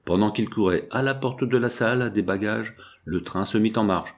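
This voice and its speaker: A man reading a first-person novel aloud in a steady, measured way, lifting his tone for the quoted speech. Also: on the low side. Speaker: audiobook reader. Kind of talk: scripted first-person narration.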